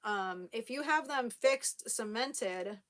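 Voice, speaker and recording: This vlogger, a young woman with a slight lisp, reads viewer comments at home in a chatty, casual way, laughing a lot and filling her talk with fillers and restarts. Her voice is a little high and a bit bright, with lively intonation at a slow pace.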